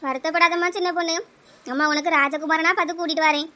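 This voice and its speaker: A lower, softer voice of a pleading cartoon village mother, put on by a woman. She has a Kanyakumari Tamil accent and a gentle, apologetic manner. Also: steady tone, fast talker. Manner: pleading, soft.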